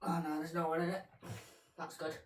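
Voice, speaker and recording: A woman's voice: low-pitched, little pitch movement, a little fast, a little hiss or hum. A woman hosting a casual reaction vlog, chatty and easily startled. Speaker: reaction video host.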